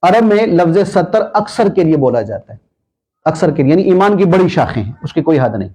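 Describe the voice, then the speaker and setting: A man preacher giving a sermon with dramatic storytelling, swinging between loud and soft. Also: fairly high pitch, very animated, slightly rough.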